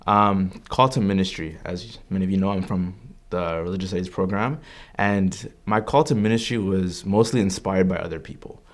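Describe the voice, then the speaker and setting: A Canadian man in his early twenties, a religious studies student, offers an earnest and reflective personal testimony full of fillers and restarts. His voice is low-pitched and he talks at a normal speed.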